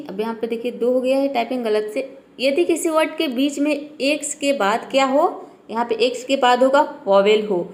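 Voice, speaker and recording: A woman teaching English pronunciation rules, patiently asking and answering her own questions and repeating each word slowly. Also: on the high side. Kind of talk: spoken lesson on pronunciation rules.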